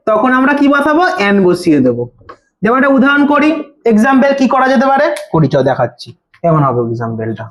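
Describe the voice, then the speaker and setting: High-voiced tutor woman in an echoey room. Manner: asks and answers her own questions, repeats key answers. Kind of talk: informal grammar lesson.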